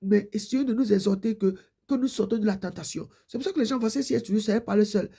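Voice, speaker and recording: A woman's voice: medium pitch, rapid-fire, mellow, breathy edge. A woman preacher giving a fervent exhortation and prayer, repeating her pleading prayer lines.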